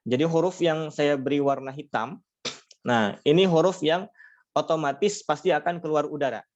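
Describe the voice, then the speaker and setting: Man, patient online recitation teacher, models sounds slowly, slightly dull lo-fi audio. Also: on the high side, slight background noise. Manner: patient explaining, frequent fillers, demonstrates sounds slowly. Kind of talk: online lesson.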